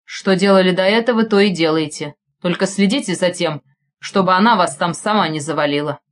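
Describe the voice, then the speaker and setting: A woman voicing a calm, authoritative man who speaks in level, unhurried commands in an audiobook. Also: fairly low pitch, natural voice. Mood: cold command. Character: calm, commanding man used to giving orders. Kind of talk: audiobook character voice.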